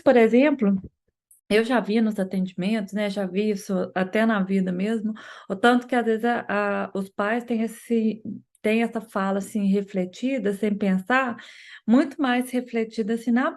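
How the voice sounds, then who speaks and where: Explanatory woman talking over a book, slightly high voice. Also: fairly even intonation, unhurried, darkish tone. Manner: explanatory, frequent tag questions, acts out parents' remarks. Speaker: book club host and psychologist. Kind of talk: casual discussion of a book.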